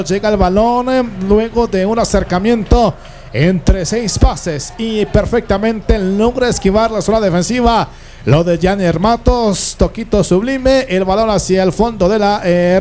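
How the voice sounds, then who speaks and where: A man's voice: high voice, darkish tone. A man giving live play-by-play commentary on a football match. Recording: noisy live broadcast ambience.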